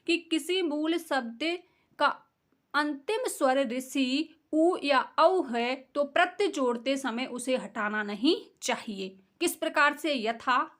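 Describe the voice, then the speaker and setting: A woman's voice: sits high, fairly bright tone. A woman teaching a grammar lesson, explaining step by step, asking her students questions and answering them herself.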